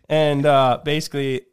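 A man's voice: on the high side, clean tone. A young man co-hosting a podcast, telling a rambling story in casual chat with frequent laughs. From United States. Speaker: podcast host.

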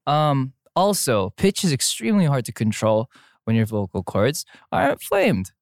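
A young man chats on a podcast, his voice jumping up and down in pitch as he jokes and explains. The sound is dry and close, with no room around it. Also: moderate pace, no echo. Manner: animated, jokey, explains with exaggerated examples. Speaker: singer guest. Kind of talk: casual podcast chat.

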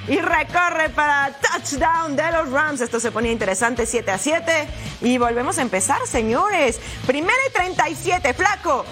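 A woman presenting American football highlights, exclaiming and stretching out key words in touchdown-call commentary. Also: animated, normal speed, fairly bright tone, soft background music.

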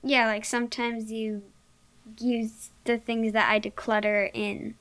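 A guest giving short, hesitant answers full of fillers in a casual chat. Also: female voice, on the high side, little pitch movement, a little slow, a bit bright.

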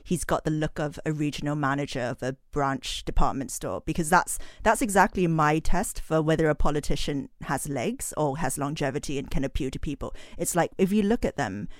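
A woman guest on a podcast, chatting casually and telling a story with animated energy. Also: deep voice, a little fast, hardly any pauses, no room sound, clean studio sound. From grew up abroad, moved at sixteen. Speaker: guest, magazine editor.

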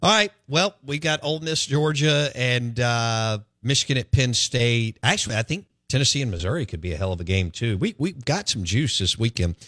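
A man hosting a sports radio show, bantering quickly in a casual, folksy way. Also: medium pitch, animated, a bit bright, no room sound, studio quality.

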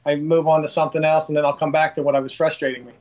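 A man guest talking casually in a halting, self-deprecating way, often repeating words. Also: a little high, level tone, darkish tone, highs cut off. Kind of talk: casual interview talk.

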